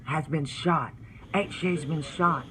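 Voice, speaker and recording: A man's voice: medium pitch, little pitch movement, drawn-out words, bright, forceful tone, slight background noise. A man voicing a shocked mother crying out in alarm in a family story he retells. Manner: exclaiming, drawn out.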